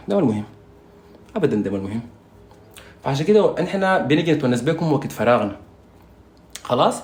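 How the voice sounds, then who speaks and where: Fast-talking Sudanese man ranting. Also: medium pitch, echoey room. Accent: Sudanese Arabic. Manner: rambling, mocking, insulting, with frequent "you understand?". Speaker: singer vlogging while doing makeup. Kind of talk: casual ranting monologue to viewers.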